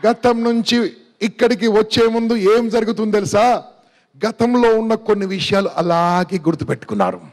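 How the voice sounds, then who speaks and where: Middle-aged male motivational speaker, high voice, energetic, keeps quizzing the crowd. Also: normal speed. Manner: energetic, questions the audience, mixes in English. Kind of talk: motivational seminar talk.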